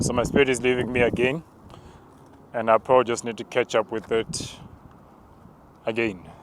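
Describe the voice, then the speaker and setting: A man preacher walking outdoors and narrating spiritual visions in a hushed, halting, contemplative way. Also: on the low side, a little hiss or hum. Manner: slow, hushed, halting and contemplative, with tongues-like words. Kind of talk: spoken prayer walk, narrated visions.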